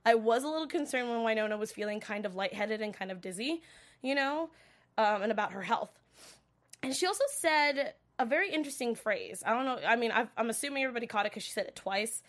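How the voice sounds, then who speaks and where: A woman's voice: fairly high pitch, fast, fairly bright tone. A woman getting over a cold, chatting casually and rambling with many fillers as she reacts to a show and reads viewer comments. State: recovering from a cold, coughing. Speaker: livestream show recap host.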